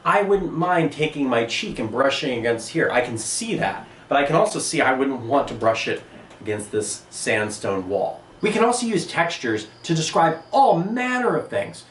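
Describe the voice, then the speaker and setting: A male art teacher with a mid-range voice speaks at normal speed, animated and enthusiastic as he explains his video lesson. Recorded with a distant mic in a roomy indoor space with a table and sandstone wall, it carries slight background noise.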